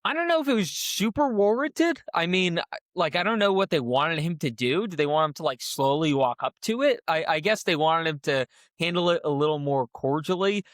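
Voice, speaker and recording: A man co-hosting a casual reality-show recap, talking through events in a measured, analytical way. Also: fairly high pitch, expressive, a bit bright, no room sound, clean studio sound. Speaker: podcast co-host.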